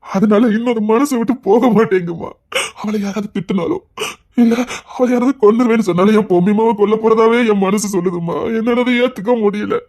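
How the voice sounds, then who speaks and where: A man's voice: high-pitched, brisk, darkish tone, lightly acted. An actor playing a grieving widowed father who is lonely and full of guilt, tearful and lamenting in a brokenly spoken TV serial scene. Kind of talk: TV serial acting.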